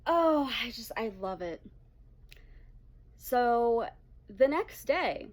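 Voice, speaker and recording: Slow-talking, foul-mouthed young woman vlogger. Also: on the high side. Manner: blunt, heavy swearing, animated. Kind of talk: story time vlog.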